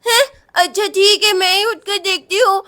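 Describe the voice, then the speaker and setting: A woman's voice: very high voice, steady tone, normal speed, bright, forceful tone. A woman voicing a drowsy village mother in a doll story, answering reluctantly. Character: village mother woken by her daughter.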